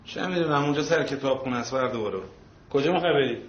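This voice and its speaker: A man's voice: mid-range voice, highs cut off, close to an everyday voice. An actor playing a harried middle-aged father who is effusively polite and pleading with his family. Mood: coaxing. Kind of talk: comedy film acting.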